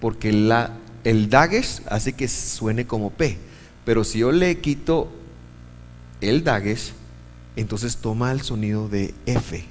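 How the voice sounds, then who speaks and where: A man lecturing a church class at an unhurried pace, explaining each point patiently and putting questions to the room. His voice carries a long hall reverb over a faint background hum. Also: mid-range voice, lively intonation. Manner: patient, explains step by step and quizzes the audience. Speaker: Bible class teacher.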